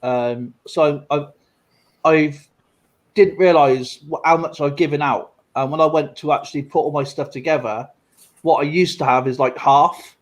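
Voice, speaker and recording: A man's voice: fairly high pitch, steady tone, moderate pace, low-quality recording. A man chatting casually on a stream, rambling with lots of fillers and restarts. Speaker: streamer and coin collector. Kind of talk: casual live-stream chat.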